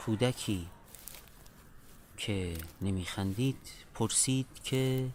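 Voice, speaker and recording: A man telling a literary tale in a dramatic, deliberate way, phrase by phrase. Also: on the low side, darkish tone, a little hiss or hum.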